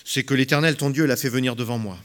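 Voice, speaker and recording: A man's voice: medium pitch, fast talker, fairly bright tone, close to an everyday voice. A man voicing an anxious younger son in a scripture reading, replying plainly and earnestly.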